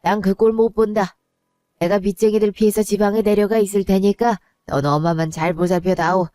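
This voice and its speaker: A woman voicing a weary, indebted old father who speaks low, gentle and resigned in a one-voice audio drama. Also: steady tone, fairly quick, dry recording, clean studio sound, close to an everyday voice. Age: older.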